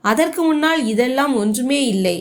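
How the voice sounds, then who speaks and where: A woman storyteller voicing a grateful, wealthy older landlord who speaks warmly and effusively. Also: sits high, lively intonation, moderate pace.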